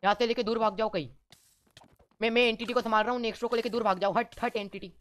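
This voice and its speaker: A man giving excited let's-play commentary as a gaming YouTuber, teasing and ordering his teammates around. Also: high voice, very fast.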